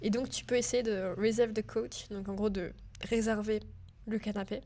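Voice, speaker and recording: A woman's voice: medium pitch, fairly even intonation, moderate pace, mellow. Chatty young French woman, nervous. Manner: chatty, filler-heavy, addresses the viewer as tu. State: a bit nervous. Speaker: digital school student. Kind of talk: casual screen-share walkthrough.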